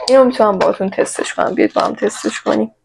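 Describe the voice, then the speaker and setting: A woman's voice: medium pitch, steady tone, gravelly, darkish tone, slight background noise, low-quality recording. A woman from Iran chatting playfully to her viewers in a casual shopping haul vlog, recorded on her own microphone. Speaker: vlogger.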